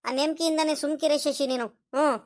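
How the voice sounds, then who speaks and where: A worried young village husband, voiced by a woman, pleads and asks the same questions again and again. The voice sits high. It is a village comedy cartoon. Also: fairly even intonation, fairly quick, a little mellow, lightly acted. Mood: defensive.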